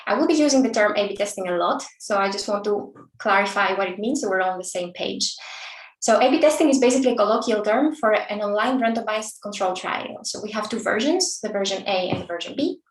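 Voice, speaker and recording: A woman's voice: medium pitch, lively intonation, fast talker, far from the mic. A woman in her thirties from Greece presents a technical talk over a video call, friendly and peppered with fillers and restarts. She sits a little back from the mic in a roomy space with an echo. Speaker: conference speaker.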